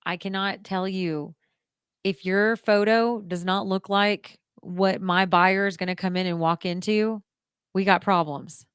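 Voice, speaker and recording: A woman's voice: mid-range voice, steady tone, unhurried, a bit bright, smooth, no room sound, studio quality. A woman hosting a radio show on her own, giving real estate advice in a chatty, emphatic way that speaks straight to listeners.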